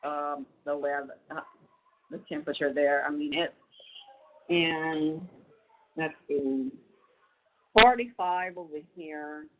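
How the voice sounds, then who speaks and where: A woman's voice: sits low, slow pace, pauses often, slight background noise. A woman talking on a prison payphone call, rambling casually with many fillers. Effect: heard over a prison payphone call. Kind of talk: casual phone chat. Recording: tinny phone line.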